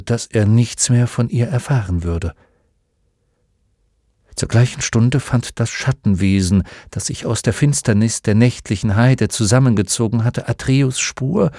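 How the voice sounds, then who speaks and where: A man reading an audiobook aloud in calm, measured storytelling narration into a close studio mic. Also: medium pitch, no room sound.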